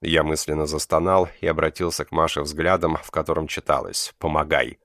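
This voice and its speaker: Man, audiobook reader, first-person narration, very deep voice, dry close sound. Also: little pitch movement, fairly quick, fairly bright tone, no room sound.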